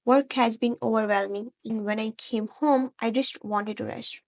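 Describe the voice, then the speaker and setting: A woman's voice: fairly high pitch, steady tone, normal speed, a little mellow, lightly acted. A woman voicing a remorseful young man who stammers as he pleads with his girlfriend in a fan-fiction audio story. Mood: pleading. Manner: stammering, earnest, breaking voice.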